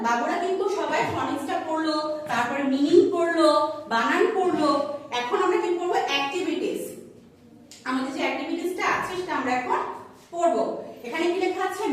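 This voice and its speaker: High-voiced woman teaching phonics in an echoey room. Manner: patient, repeats sounds slowly, asks and answers own questions. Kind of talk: recorded children's phonics lesson. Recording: very echoey room, voice far from mic.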